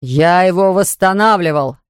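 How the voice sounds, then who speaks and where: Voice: medium pitch, normal speed, clear, resonant tone, dry recording, natural voice. A narrator voicing a hostile, defensive husband, reading in a dry, close studio recording. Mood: furious. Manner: shouting, then pleading.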